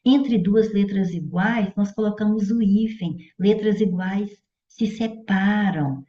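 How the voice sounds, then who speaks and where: A woman's voice: medium pitch, slow pace, mellow, a little hiss or hum. Brazilian woman, grammar teacher, patient and didactic, keeps checking understanding; dull, roomy recording. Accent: Brazilian Portuguese. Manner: didactic, checks in with "certo?" and "olha". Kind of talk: explanatory exam-prep lesson. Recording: dull echoey room audio.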